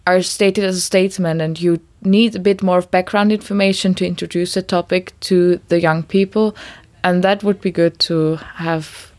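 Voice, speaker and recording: Woman from Austria, youth worker, thoughtful and slightly low-pitched. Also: steady tone, moderate pace, a little mellow. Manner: thoughtful, starts with um. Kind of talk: casual interview answers.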